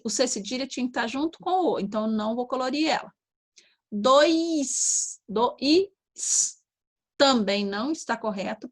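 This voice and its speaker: A Brazilian Portuguese-speaking woman teaching young children, slowly sounding out syllables and checking in often. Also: a little high, a bit bright. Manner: slow, sounding out syllables, frequent "tá?" and "ó". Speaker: primary school teacher. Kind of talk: online lesson to young children.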